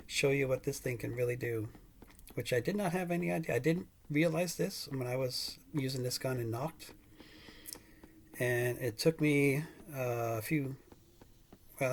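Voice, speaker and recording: A man's voice: medium pitch, vocal fry, slight background noise. A man hosting a gaming channel, giving casual, rambling gameplay commentary full of fillers and restarts.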